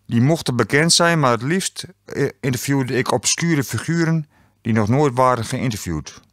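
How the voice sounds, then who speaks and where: Male author narrating own novel; dry studio sound, middle pitch, wry delivery. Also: moderate pace, dry recording. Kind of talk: audiobook narration. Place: recording studio.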